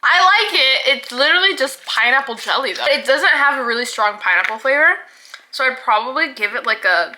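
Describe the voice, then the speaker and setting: A woman's voice: high voice, lively intonation, fairly quick, pushed and bright, poor audio. A young woman reviewing snacks in a casual vlog, chatty and laughing often, filling her talk with "like".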